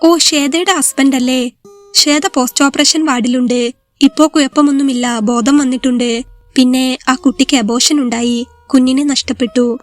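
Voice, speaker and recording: A woman voicing a hospital doctor who gives news in a calm, matter-of-fact way in a spoken story. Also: high voice, moderate pace, soft background music, close to an everyday voice. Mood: reassuring.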